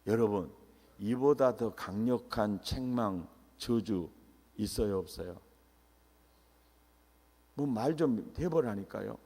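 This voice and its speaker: A middle-aged man preaching at a revival meeting, animated, quizzing the congregation and bursting into shouts. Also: lowish voice, slow, pauses often. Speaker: pastor, revival meeting speaker. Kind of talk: revival sermon. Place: church sanctuary. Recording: echoey church hall.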